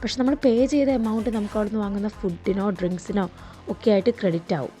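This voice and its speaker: A woman's voice: medium pitch, quick pace, mellow. Woman narrating a travel vlog over music. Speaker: travel vlogger.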